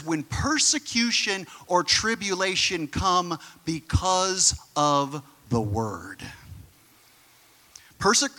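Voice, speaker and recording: A man preaching with a bright, forceful, fairly high voice. He talks in an animated, conversational way, full of quick asides. The sound rings with long reverb, as in a big hall. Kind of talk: sermon.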